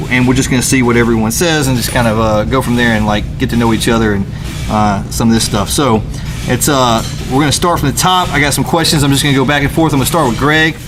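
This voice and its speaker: A man's voice: mid-range voice, quick pace, over music. A man in his forties hosting a live podcast in a loose, rambling way and laughing easily. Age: 40s. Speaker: podcast host. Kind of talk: casual live podcast chat.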